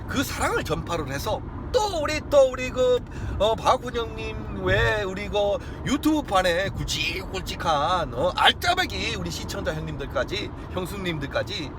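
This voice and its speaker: Loud korean streamer guy w gyeongsang accent, high voice swinging all over, lots of street noise. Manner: boisterous, bursts into shouting and mock-religious chanting. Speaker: live-streamer host. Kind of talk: excitable livestream monologue.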